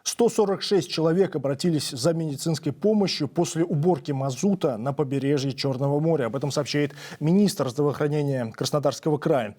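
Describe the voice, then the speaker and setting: A man's voice: fairly high pitch, a little fast, few pauses, mellow. A man presenting the news, reading scripted reports as narration.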